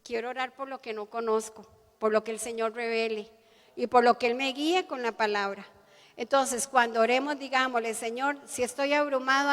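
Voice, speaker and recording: A woman with a high, bright-pitched voice preaches an earnest sermon, often asking her listeners to agree. Her voice carries a long reverb from a church hall. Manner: earnest, often adds the tag "¿verdad?".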